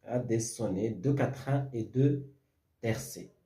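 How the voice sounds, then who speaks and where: A man's voice: medium pitch, takes it slowly, dark tone, reverberant. A man teaching French verse, explaining step by step with many fillers and restarts, often checking whether the class follows.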